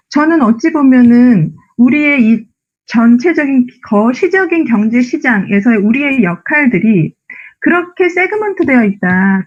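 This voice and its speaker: A woman speech instructor lectures an audience in a high, animated voice that swings up and down, often asking rhetorical questions. The recording sounds a bit dull and lo-fi. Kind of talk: lively motivational lecture to an audience.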